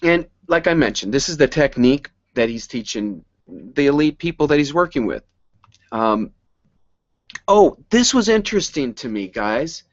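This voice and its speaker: Excitable storytelling man, dry dull sound. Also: medium pitch, normal speed, no room sound. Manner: excitable, rambling, laughs often. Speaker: presenter. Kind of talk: animated storytelling presentation.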